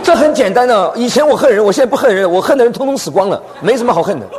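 A man doing a blunt Shandong man, Shandong dialect, higher pitch, echoey hall, background noise. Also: expressive, racing, a little mellow. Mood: deadpan.

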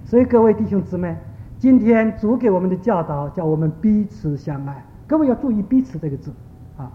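A man's voice: high-pitched, fairly quick, a little hiss or hum. A man preaching a sermon, telling stories and acting out the people in them. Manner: storytelling, animated quoting of characters. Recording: dull lo-fi recording.

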